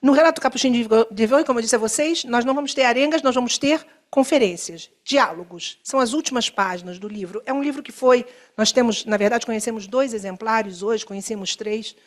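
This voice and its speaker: A Brazilian Portuguese-accented woman giving an academic workshop talk, wandering through fillers and self-corrections and checking in with the audience, slowing down to stress key terms. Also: a little high. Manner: discursive, many fillers and self-corrections, asks listeners "né?". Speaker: academic speaker. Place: lecture room.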